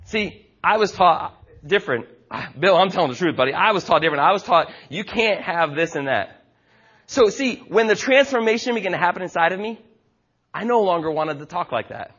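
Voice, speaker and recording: A man's voice: sits high, expressive, fairly quick, a bit bright, breathy edge, muffled recording. A man in his forties preaching a sermon from a church stage, emphatic and folksy with joking asides. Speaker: pastor.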